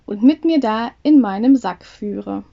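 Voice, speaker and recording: A woman's voice: a little high, measured pace, vocal fry, muffled recording. A woman reading a fairy tale, voicing a confident young male craftsman in an earnest, declaiming way.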